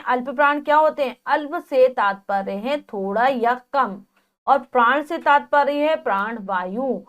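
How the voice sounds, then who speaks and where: A woman's voice: sits high, fairly bright tone. A woman teacher giving a classroom grammar lesson, explaining each point and then going over it again with rhetorical questions.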